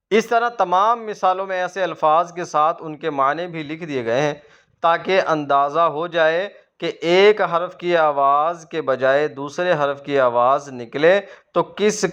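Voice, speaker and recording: A man's voice: on the high side, a bit bright, smooth, highs cut off. A man teaching Quran reading to beginners, patiently asking questions and then answering them himself. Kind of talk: explaining a lesson to beginners.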